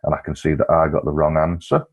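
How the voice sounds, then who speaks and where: Very deep, flat, husky-voiced man tutor. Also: fast. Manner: relaxed, explanatory, with frequent fillers. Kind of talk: screen-recorded software walkthrough.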